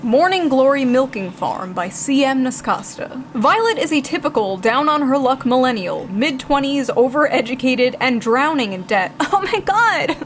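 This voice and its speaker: A woman commentator with a fairly high voice delivers scripted lines. She is sarcastic and emphatic, over faint background noise. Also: animated, normal speed, hardly any pauses. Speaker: video commentator.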